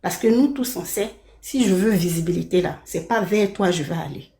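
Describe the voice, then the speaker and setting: A woman's voice: fairly low pitch, normal speed, mellow. Indignant woman ranting in an echoey room. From Belgium. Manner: indignant, repeats her points, asks "d'accord?". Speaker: live streamer. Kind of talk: heated live-stream rant. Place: her apartment.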